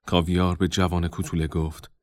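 A man narrating a storybook in a calm, measured reading. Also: deep voice, dry recording, studio quality.

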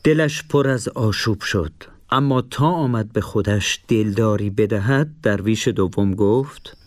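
A man narrating a children's story in an expressive storytelling manner. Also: lowish voice, dry recording.

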